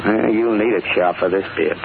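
A man's voice: lowish voice, steady tone, fairly quick, vocal fry. A man playing a blunt, suspicious, slangy tough-guy crook in an old-time radio drama. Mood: relaxed, approving. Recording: tinny, noisy old radio recording.

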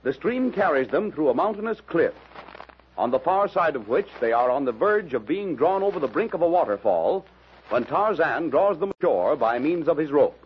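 A man's voice: fairly high pitch, sing-song, normal speed. Dramatic male narrator, muffled old recording. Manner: dramatic, formal. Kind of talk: 1930s radio scripted narration. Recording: dull, noisy old radio recording.

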